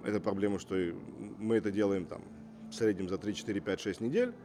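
With a noisy background behind him, a man who grew up in Russia talks fast in a lowish voice. He's an entrepreneur being interviewed casually, forceful in tone and prone to rhetorical questions.

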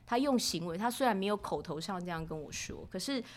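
A middle-aged woman, telling stories as a podcast guest in an expressive way, acting out what people said. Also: fast talker, a little hiss or hum. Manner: expressive, acts out quoted speech with rising pitch. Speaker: podcast guest, mother of two sons. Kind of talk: casual storytelling chat.

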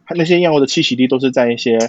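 A man from Matsu with a Taiwanese Mandarin accent, explaining things casually in a halting way with repeated words. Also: mid-range voice, darkish tone, no echo. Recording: dull lo-fi sound, dry.

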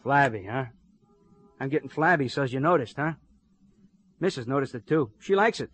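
A cheerful middle-aged police partner who jokes and chatters easily. His voice sits at a middle pitch. It is a 1950s radio drama. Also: animated, moderate pace, a bit bright. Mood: chatty. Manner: chatty, joking, talkative.

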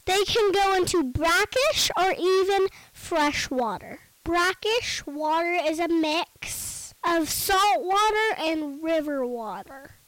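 A woman's voice: very high-pitched, expressive, slow, hardly any pauses, fairly bright tone, no echo, poor audio. A young girl presenting a short scripted fun-fact segment on a podcast. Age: child.

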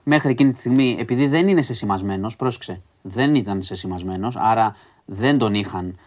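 A man's voice: lowish voice, darkish tone. A man hosting a podcast, recapping news stories to a co-host in a casual, conversational way with asides and hesitations.

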